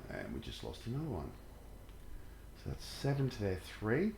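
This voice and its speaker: A man's voice: lowish voice, huge pitch swings, moderate pace, creaky. A man chats through a live game stream in a blokey, sweary way. His voice sits in an echoey room with some ambient noise behind it. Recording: roomy echo, background noise.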